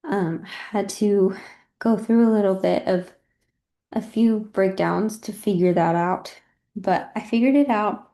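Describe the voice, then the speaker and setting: Speaking slowly in a mellow, mid-range voice, a student who is heavily pregnant and short of breath presents her design project informally. Her tone is chatty and apologetic.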